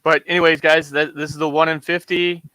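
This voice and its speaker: Man, casual co-host, crisp clear voice, relaxed with fillers. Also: a little high, a little fast, dry recording, low-quality recording. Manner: relaxed, many fillers while showing covers. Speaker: co-host of a comic order show. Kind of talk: casual chat.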